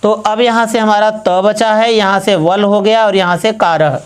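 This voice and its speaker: A woman's voice: mid-range voice, steady tone, moderate pace, smooth. A woman teaching Sanskrit grammar, walking through each step methodically and repeating herself as she works an example.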